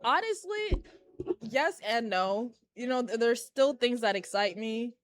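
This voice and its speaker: A woman's voice: fairly high pitch, animated, a little slow, soft background music. Candid, chatty young woman wrestler. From Haiti. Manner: candid, chatty, laughs easily. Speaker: professional wrestler, guest. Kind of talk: casual interview. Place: collectibles shop, indoors.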